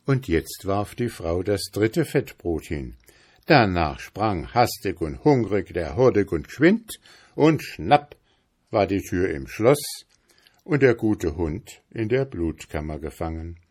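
A man reading a fairy tale aloud in a measured, dramatic storytelling manner. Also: deep voice, very animated, darkish tone, husky.

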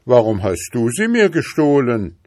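A man's voice: medium pitch, expressive, normal speed, dry recording, studio quality, voice pushed up. Bold storybook boy, raised voice, cheeky, voiced by a man. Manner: cheeky, defiant.

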